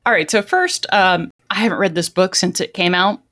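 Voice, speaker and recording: A woman's voice: fairly low pitch, moderate pace, fairly bright tone. A woman hosting a podcast, recapping a book's plot and then chatting casually in a self-deprecating way. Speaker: podcast host.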